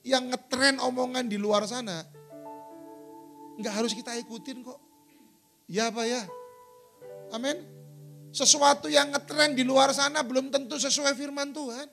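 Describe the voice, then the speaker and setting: Middle aged pastor guy preaching, high pitched w some gravel, acts out the quotes, soft music under. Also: a little slow, pauses often. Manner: lively storytelling preacher, acting out quotes. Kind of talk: sermon. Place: church sanctuary.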